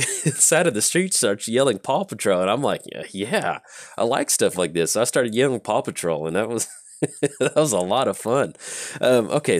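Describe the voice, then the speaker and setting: A man's voice: sits low, no echo, studio quality. A man hosting his channel, chatting casually through a card game with rambling stories and many fillers. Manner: rambling, relaxed, lots of fillers.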